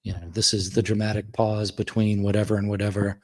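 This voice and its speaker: Husky-voiced male podcast host. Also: lowish voice, flat delivery, brisk. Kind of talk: casual podcast conversation.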